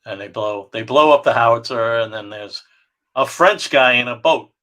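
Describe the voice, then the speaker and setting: A man's voice: medium pitch, moderate pace. A man co-hosting a casual chat about comic book art, talking animatedly and reading bits aloud. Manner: animated, reads comic lines aloud in funny voices. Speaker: co-host touring comic art.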